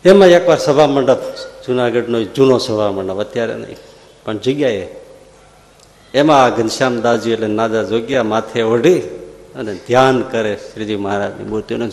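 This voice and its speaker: Monk preaching in an echoing hall. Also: male voice, mid-range voice, vocal fry, a little hiss or hum. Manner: folksy storyteller, rising to animated exclamations. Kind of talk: storytelling sermon. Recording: echoey long hall reverb.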